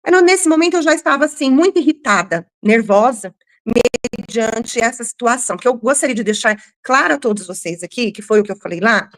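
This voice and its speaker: Firm-voiced Brazilian woman giving testimony. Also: fairly high pitch. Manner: firm, rather loud speaking voice; hesitant restarts while recounting. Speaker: church member giving testimony. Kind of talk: emotional personal testimony.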